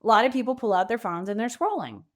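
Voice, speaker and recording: Speaking fast in a slightly high voice with lively intonation, a female author and coach tells casual stories as a podcast guest, making her points through anecdotes and voiced-out quotes.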